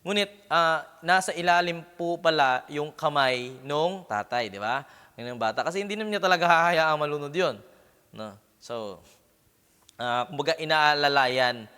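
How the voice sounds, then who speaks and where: A man's voice: a little high, lively intonation, normal speed, sharp tone, clean tone. A man preaching a sermon as pastor, often checking in with the congregation with a questioning "Amen?" or "No?" and slipping English words into his talk. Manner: punctuates phrases with questioning "Amen?" and "No?". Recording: long hall reverb.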